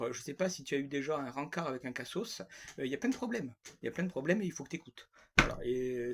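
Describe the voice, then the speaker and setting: A man's voice: fairly high pitch, slight background noise. A man delivering a rambling, grumpy and sarcastic comic monologue, repeating himself often.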